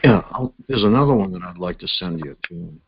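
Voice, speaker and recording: Low-voiced man on a speakerphone. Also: animated, brisk, highs cut off, slight background noise. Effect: sounds like a speakerphone with echo. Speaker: call-in show host. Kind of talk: casual group call chat.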